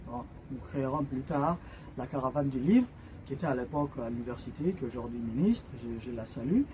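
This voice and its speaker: A man whose first language is Somali presents his books in an informal talk, speaking briskly in a mellow, mid-range voice. He often hesitates, using filler sounds and restarting as he explains. The audio is poor, with slight background noise.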